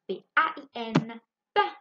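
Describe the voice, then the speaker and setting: A woman teaching a phonics lesson to young children from home. She spells out letters slowly and keeps asking the class if they follow. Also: a little high, animated, dull audio, heavy background noise. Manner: slow, spelling out letters and asking checking questions. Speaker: primary school teacher.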